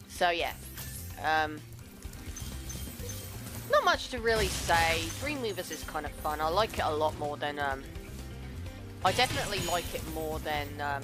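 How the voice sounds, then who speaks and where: A woman talks her way through a video game in a relaxed, rambling manner. She trips over her words, corrects herself and fills the gaps with ums. Her voice sits a little low for a woman, and game music plays behind her. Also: unhurried, pauses often. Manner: chatty, rambling, many fillers and self-corrections. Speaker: game playthrough host. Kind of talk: casual gameplay commentary.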